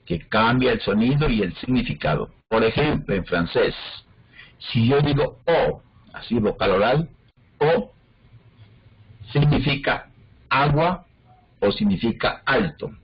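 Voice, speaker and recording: Husky-voiced man teaching phonology. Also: mid-range voice, lively intonation, a little slow, highs cut off. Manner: explains step by step, checks understanding with frequent questions. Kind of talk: online class lecture.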